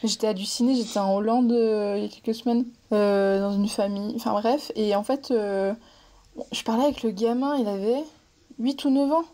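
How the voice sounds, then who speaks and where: A woman from Switzerland, hosting an interview over a video call in a relaxed, conversational way, with hesitant fillers. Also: a little high, normal speed. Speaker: interviewer, host.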